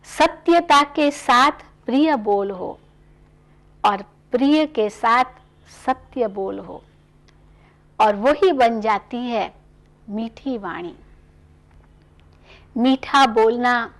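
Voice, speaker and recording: A woman gives a spiritual talk on values in a high, gentle voice. She speaks very slowly and with measured care. Her tone is instructive and calm throughout.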